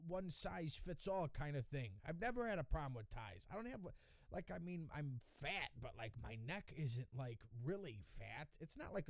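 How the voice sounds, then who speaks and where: A man's voice: on the high side, gravelly, dry recording. A man hosting a podcast, telling a comic story in a wry, exasperated and profane way. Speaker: podcast host. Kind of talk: comedic storytelling monologue.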